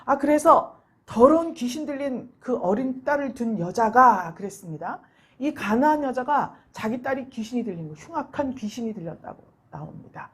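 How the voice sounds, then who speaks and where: Woman pastor, sermon, husky tone, fairly high voice, acts out quotes. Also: expressive, normal speed. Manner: storytelling, acts out quoted voices with rising emphasis. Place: church.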